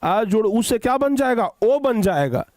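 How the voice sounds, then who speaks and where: A man teaching children a grammar lesson, repeating phrases slowly for dictation and often checking whether they have understood. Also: high voice, sing-song, a little mellow, no echo, clean studio sound. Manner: slow, repetitive dictation, drawing out words; addresses students affectionately, checks understanding often.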